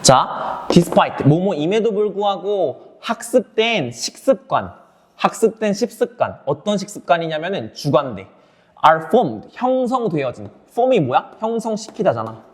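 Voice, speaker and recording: A man's voice: high voice, very animated, measured pace. A male English teacher giving an online exam lecture. He goes through the passage sentence by sentence, asking questions and answering them himself, and speaks straight to his students. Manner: switches between English words and explanation, addresses students directly.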